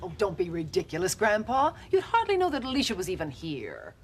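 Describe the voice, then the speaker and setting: Gentle vampire mom, soothing, lively melody, laugh track behind. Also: female voice, mid-range voice, fairly quick, background noise. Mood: motherly. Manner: soothing, motherly. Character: gentle vampire mother, sweet and level-headed. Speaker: sitcom character. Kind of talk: sitcom acting. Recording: sitcom audio with laugh track. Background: studio audience laughter.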